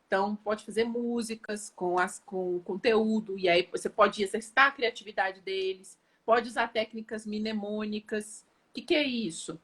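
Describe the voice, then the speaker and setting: A woman educator talking casually on a live stream, lively, often repeating words and checking whether listeners follow. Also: medium pitch, normal speed, hardly any pauses. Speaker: educator and guest on an Instagram live.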